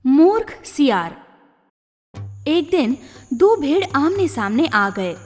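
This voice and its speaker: A woman with a high voice reads scripted children's tales, telling them in a deliberate, expressive way. The recording has long reverb, with music playing behind her.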